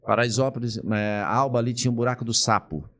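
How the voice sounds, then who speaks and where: A man's voice: mid-range voice, fairly quick. A man, a pastor telling a personal story as a podcast guest, acting out the people he quotes. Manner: animated, acts out the people he quotes. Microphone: podcast studio mic.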